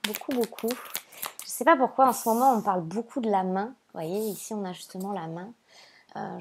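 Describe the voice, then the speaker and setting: A woman giving a casual oracle card reading as a spiritual guide. She speaks in a halting, gentle and reassuring way, with many fillers and repeated words. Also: medium pitch.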